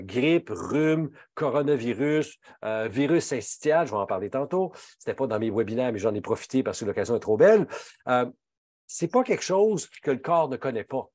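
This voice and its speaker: Québécois man, husky voice, lively swooping pitch, dry close sound, emphatic health talk. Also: dry recording. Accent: Québécois French. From Quebec. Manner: emphatic, indignant, swings pitch widely for emphasis. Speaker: pharmacist giving a health talk.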